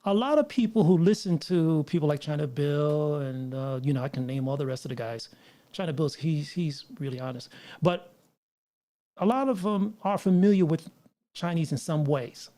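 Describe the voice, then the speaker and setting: This man from the United States, whose voice is a little high and warm, hosts a casual live stream full of rambling, frequent restarts and asides aimed at his viewers. A mixer setup puts some line noise under his voice.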